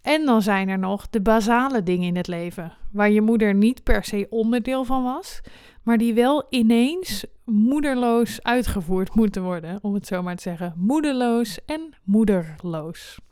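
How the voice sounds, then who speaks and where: A woman's voice: medium pitch, normal speed, a little mellow, clear, resonant tone, no room sound, studio quality. A woman in her twenties hosting a personal podcast, speaking candidly and swearing freely. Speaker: podcast host.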